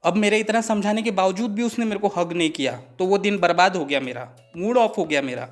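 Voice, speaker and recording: A young man telling a comic story to camera, animated and mock-dramatic. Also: high-pitched, a little fast, faint music behind. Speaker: comedy video creator.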